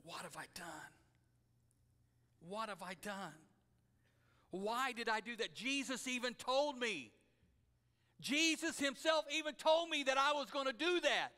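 A preacher acting out Peter, loud and insistent. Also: male voice, very high voice, animated, full character voice. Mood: anguished. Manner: insistent, slow and emphatic pleading. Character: the apostle Peter, a proud man turning remorseful. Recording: long hall reverb.

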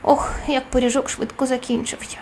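A woman's voice: high voice, level tone, brisk, a little hiss or hum, pitched above the performer's own voice, natural voice. A woman voicing a grumpy, greedy male forest gnome who grumbles and complains in a storybook tale. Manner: grumbling, indignant. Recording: soft music underneath.

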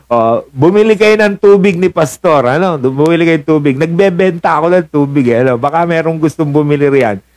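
Male preacher, somewhat high voice, jokey delivery with frequent chuckles, dry close sound. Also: brisk, darkish tone, no room sound. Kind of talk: sermon with jokes.

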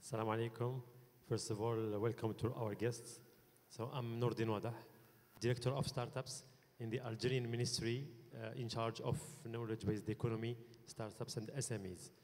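A man's voice: medium pitch, flat delivery, moderate pace, darkish tone. A man, a ministry director, introducing himself formally on a conference panel with a handheld mic in a large hall. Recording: long hall reverb.

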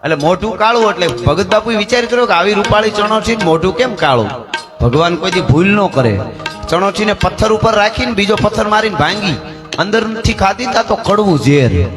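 A high-pitched man with a Kathiyawadi Gujarati accent tells folk tales. He presses home morals with emphatic rhetorical questions. Music plays clearly behind his voice on a live stage recording. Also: lively intonation, brisk. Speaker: folk storyteller. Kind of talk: Gujarati folk discourse with storytelling and sung verses.

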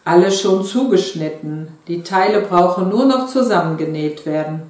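A woman's voice: on the low side, moderate pace, a little mellow, natural voice. A woman voicing an eager, chatty middle-aged wife sewing doll dresses, read in a very echoey room.

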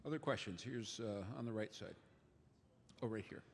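A man moderating a press conference, brisk and procedural as he calls on questioners. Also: fairly low pitch, animated, creaky, a little hiss or hum. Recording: distant, reverberant room sound.

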